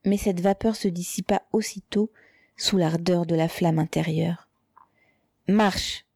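A woman narrates a literary novel in a steady, measured reading. Her voice sits low and mellow. The recording is close and dry. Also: vocal fry, slightly rough, dry recording. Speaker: audiobook narrator. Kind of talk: scripted narration.

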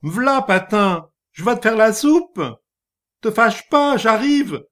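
A man's voice: very high voice, animated, slow, fairly bright tone, pitched above the performer's own voice, heavily acted. A man voicing a frightened fisherman's widow who calls out anxiously. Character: frightened fisherman's widow, middle-aged woman.

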